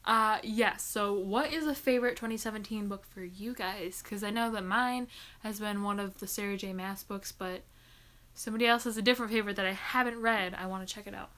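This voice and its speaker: A woman's voice: mid-range voice, a little fast, fairly bright tone. A woman hosting a casual live-stream Q&A from home as a book vlogger, chatty and giggly.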